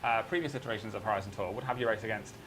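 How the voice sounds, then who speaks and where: A man presenting a live game-update broadcast, relaxed and explaining with fillers. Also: fairly low pitch, drawn-out words, a little hiss or hum.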